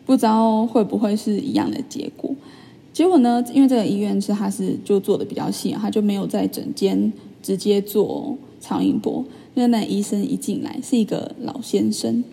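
A young woman, chatting in a vlog as she retells a personal story with lively, filler-filled asides. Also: mid-range voice, vocal fry, breathy edge, big-room sound. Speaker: vlogger. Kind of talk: casual storytelling monologue.

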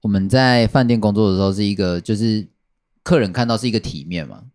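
A man's voice: lowish voice, fast talker, darkish tone. A man chatting casually on a podcast, rambling and repeating his phrases with many fillers. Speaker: podcast guest telling a work story.

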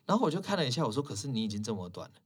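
A man's voice: mid-range voice, rapid-fire, breathy edge. A man, a hairstylist guest in a casual chat, telling stories with animation and acting out the lines of the people he quotes. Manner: animated, acts out quoted dialogue in shifted voices.

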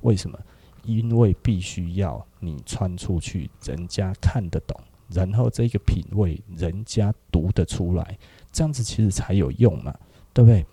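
A middle-aged Taiwanese man with a deep, gravelly, dark voice, chatting through a podcast monologue. He keeps checking in with rhetorical questions. His husky tone sits close and dry on the mic. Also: expressive, normal speed, no room sound. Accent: Taiwanese Mandarin. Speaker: podcast host, clothing shop owner.

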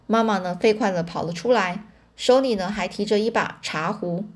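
A woman reading a children's novel aloud in a chatty way, pausing to explain words and correcting herself. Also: medium pitch. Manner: pauses to explain words to listeners; chatty fillers, self-corrections. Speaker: storyteller.

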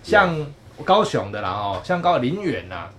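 A man from Kaohsiung with a Taiwanese Mandarin accent, co-hosting a casual chat and telling stories in an animated, joking way. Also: mid-range voice, normal speed, a little hiss or hum. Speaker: podcast co-host.

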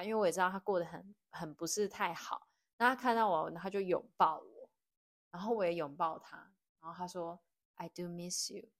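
A young woman from Taiwan with a Taiwanese Mandarin accent, hosting a casual podcast chat and telling stories with feeling, laughing often. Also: on the low side. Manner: emotional storyteller, laughs often. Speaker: podcast host. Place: living room of a home.

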